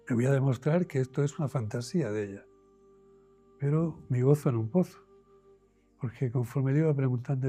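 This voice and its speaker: Spanish doctor, dark husky storytelling voice. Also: male voice, medium pitch. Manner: animated storyteller, acts out dialogue in quoted voices. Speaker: doctor telling his own experience. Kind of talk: storytelling in an interview.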